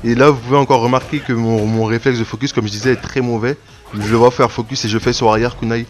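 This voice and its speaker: A man giving casual play-by-play commentary on his own online fighting game matches, rambling, restarting his sentences and breaking into sudden excited outbursts. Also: medium pitch, quick pace. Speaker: gaming video creator. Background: game music.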